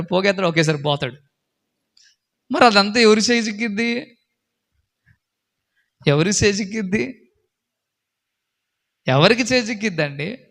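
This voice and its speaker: Emphatic high-voiced preacher man. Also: vocal fry. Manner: emphatic, repetitive questioning, rising to shouts; acts out characters in a story with changed voices. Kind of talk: sermon.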